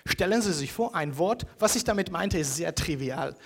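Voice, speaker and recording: Male lecturer, slightly high voice, keeps checking "ja?" with lots of ums. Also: animated, moderate pace. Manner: hesitant, many fillers, rhetorical "ja?" checks. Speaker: university lecturer.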